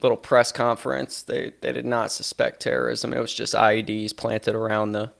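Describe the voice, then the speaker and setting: A man's voice: mid-range voice, completely flat delivery, normal speed, creaky. A man co-hosting a casual podcast chat, offhand and freely profane. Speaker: podcast co-host.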